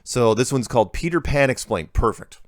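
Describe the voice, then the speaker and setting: A man's voice: medium pitch, animated, moderate pace, no echo, clean studio sound. A middle-aged man hosting a show, reading viewer emails aloud and commenting on them in an easygoing, offhand way.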